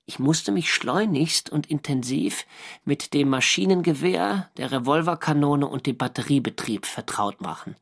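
A man's high-leaning, gravelly and expressive voice narrates as a First World War naval diarist in a radio drama. He delivers the lines in a measured, literary, matter-of-fact manner.

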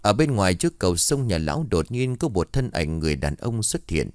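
Expressive low-voiced male storyteller. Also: brisk, no echo, clean studio sound. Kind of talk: horror story narration.

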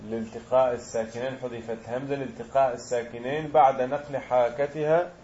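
A man's voice: mid-range voice, fairly even intonation, fast talker, a little mellow, dull audio, slight background noise. A man teaching a grammar lesson, explaining step by step and quizzing his students.

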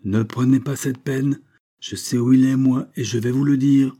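A man reading the part of a cold, vengeful middle-aged doctor who speaks with calm, implacable menace. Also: lowish voice, moderate pace, husky. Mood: menacing. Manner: calm, implacable, solemn threats.

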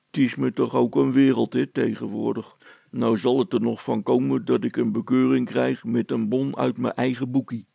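A man's voice: medium pitch, level tone, moderate pace, vocal fry, dark tone, breathy edge, no room sound. A man reading a storybook aloud, voicing a dry, plain-spoken male village policeman. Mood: deadpan.

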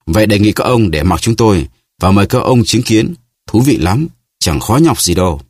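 Proud wounded musketeer, measured and grave, read by a man; very low, husky. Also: expressive, darkish tone, no room sound, clean studio sound. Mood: formal. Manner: grave, formal.

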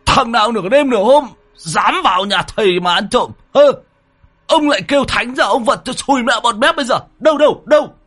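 Male reader as blustering old drunkard, high and threatening. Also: a little fast, fairly bright tone. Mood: belligerent. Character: blustering old drunk man, boastful and belligerent.

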